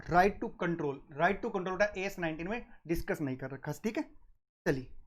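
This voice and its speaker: In a classroom accounting lecture, a tutor preparing students for exams poses questions and then answers them himself. His voice sits high, and he affectionately addresses the students as "beta" and "sahab."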